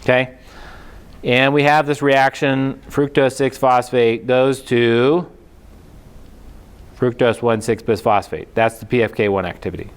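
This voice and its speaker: A man's voice: mid-range voice, fairly even intonation, a little slow, smooth. A man giving a university lecture in a casual, chatty way, often checking in with the class and drifting into joking asides. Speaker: professor.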